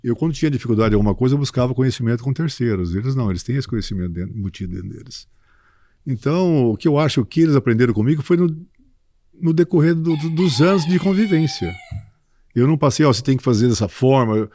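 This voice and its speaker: A man in his sixties, a farm business owner, talking casually in an interview as a lively storyteller who keeps checking in with his listener. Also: mid-range voice, quick pace, dry recording. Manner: lively storyteller, often tags "entendeu" and "cara".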